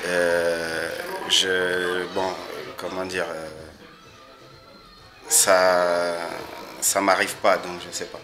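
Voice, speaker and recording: A man, a panel guest, speaking hesitantly and softly. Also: low-pitched, monotone, very slow. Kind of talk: debate discussion. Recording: music playing under voice. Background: music.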